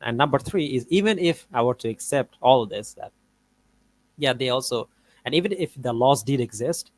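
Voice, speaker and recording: A man's voice: mid-range voice, dry recording, rough recording. Man arguing in casual reaction commentary. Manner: argumentative, rambling, with fillers. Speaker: debate reviewer.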